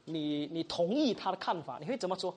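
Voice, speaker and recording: A teacher of medium pitch, expressive and brisk with a darkish tone, gives a Bible study lesson that mixes in English words. The class is often asked questions, sentences get tagged with little particles, and example dialogues are acted out.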